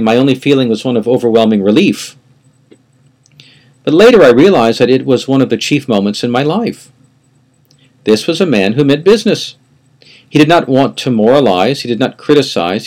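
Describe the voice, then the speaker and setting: A middle-aged man, a priest, reading a spiritual talk aloud in a measured, earnest storytelling manner. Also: mid-range voice, darkish tone.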